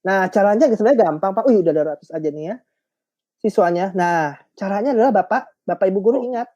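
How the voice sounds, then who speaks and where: Man, teacher trainer, online webinar, chatty, joking, warm dull sound. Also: sits high, fast, no room sound. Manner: chatty, joking, addresses the audience often.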